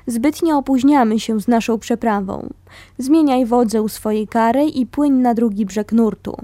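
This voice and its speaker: A woman voicing a hearty young man who urges others on with brisk calls, read as part of a memoir. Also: extremely high pitch, mellow, dry recording. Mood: urging.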